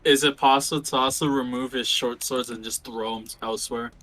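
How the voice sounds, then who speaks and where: Bright-voiced laconic tabletop player. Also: male voice, medium pitch, steady tone, a little fast. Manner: laconic, narrates his character's actions. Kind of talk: tabletop game chat.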